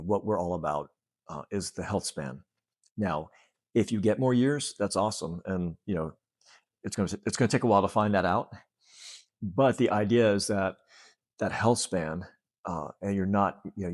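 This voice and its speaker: A deep-voiced man in his late fifties, a fitness center owner, appears as an interview guest, talking earnestly yet casually and often breaking off to start again. The sound is clean studio audio without echo.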